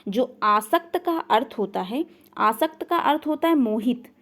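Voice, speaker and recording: A woman's voice: a little high, animated, measured pace, a bit bright. A woman teaching an online grammar lesson, asking the learners questions and then answering them herself, over and over. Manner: repeats questions and makes the learner answer back. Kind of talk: online class lecture.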